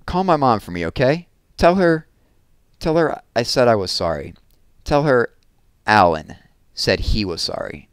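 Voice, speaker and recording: A man's voice: medium pitch, big pitch swings, a little slow, pauses often, clean tone, no room sound, clean studio sound, pitched above the performer's own voice. A man reading aloud, voicing an earnest, pleading teenage boy with a raised, eager voice.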